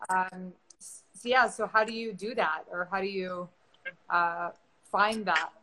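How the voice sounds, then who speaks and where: A woman hosts a live online interview, her voice bright and forward. She chats loosely, asking questions with plenty of ums and restarts. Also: on the low side, fairly even intonation, measured pace, rough recording. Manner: chatty, many fillers and restarts. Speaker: host.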